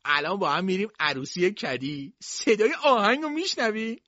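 A man's voice: high voice, animated, sharp tone, dry recording, dull audio, voice pushed up. A man voicing a cocky, taunting young servant. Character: cocky laughing young male servant with a bottle.

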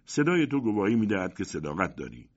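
A man voicing a kindly blind old man who speaks softly and courteously, in a storybook reading. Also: lowish voice, sing-song, breathy edge. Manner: soft, courteous, consoling. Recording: dull lo-fi audiobook recording.

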